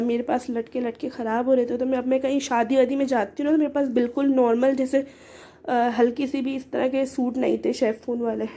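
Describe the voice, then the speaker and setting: A young woman, hoarse and short of breath from a cold, chatting in a casual vlog as she shows things one by one. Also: high-pitched, warm tone. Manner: chatty, explaining items one by one. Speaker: vlogger. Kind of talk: casual show-and-tell vlog.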